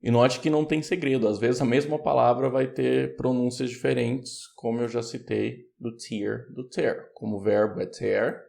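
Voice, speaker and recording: A man with a Brazilian Portuguese accent teaching English pronunciation, patiently explaining and repeating words slowly. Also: medium pitch, steady tone, gravelly, mellow, a little hiss or hum. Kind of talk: online pronunciation lesson.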